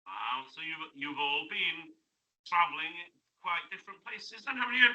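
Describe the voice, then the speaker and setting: Bright-voiced man, chatty. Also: fairly high pitch, very animated, normal speed, low-quality recording. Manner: friendly, chatty, asks lots of tag questions. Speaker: guest. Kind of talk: casual interview chat. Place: classroom radio studio.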